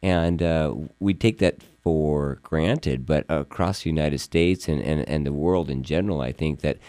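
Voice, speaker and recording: A firm owner in Yuma, Arizona interviews his employee in a relaxed, rambling way, earnest and prone to repeating words. He speaks in a rumbling low, dark voice at a slightly slow pace, and the recording is dry.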